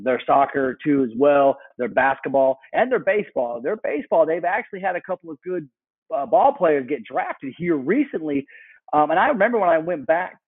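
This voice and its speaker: Man on a muffled phone-like line. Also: mid-range voice. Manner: storytelling, animated asides. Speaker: guest. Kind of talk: casual chat.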